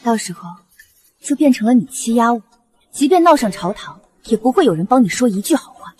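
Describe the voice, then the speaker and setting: A proud young princess speaks with cool authority in a period drama. Her voice sits fairly high with a husky grain. The delivery is regal and controlled. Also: lively intonation, a little fast, a little mellow. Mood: cold, commanding. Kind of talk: Chinese period short-drama acting.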